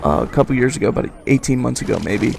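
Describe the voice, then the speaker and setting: A man in his twenties giving casual video game commentary, halting, stuttering and mumbling. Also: mid-range voice, expressive, vocal fry, very noisy. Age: 20s. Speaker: gaming YouTuber doing commentary. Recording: voice over loud game gunfire.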